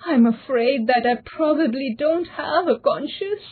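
A woman voicing a rich, mean young man who grows lonely, speaking in a high, strained, pleading way. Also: unhurried. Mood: begging. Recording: tinny phone-like sound.

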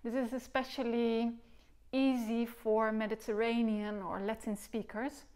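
A Dutch woman in her thirties, a recorder teacher, sits on a sofa in her living room giving a demonstration lesson. Her voice is a little high, darkish and clean, with a level tone and a slightly slow pace. She patiently explains articulation, sounding out syllables aloud and gesturing as she goes.

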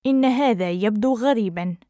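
A woman's voice: on the high side, brisk, mellow, no echo, studio quality. A woman teaching phrases to learners, saying each one whole and then word by word. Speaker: language teacher. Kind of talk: slow phrase drilling for learners.

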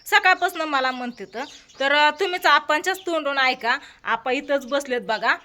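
A middle-aged woman, chatting lively and directly to her viewers in a family vlog. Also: sits high, normal speed. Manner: lively, talks straight to viewers. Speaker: vlogger.

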